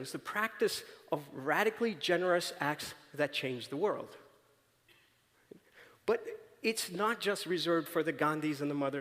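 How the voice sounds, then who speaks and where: On a big auditorium stage, a man with a slightly bright voice on the high side tells stories in a conversational conference talk. He keeps checking in with the crowd by asking "right?", and the hall's long reverb carries his voice.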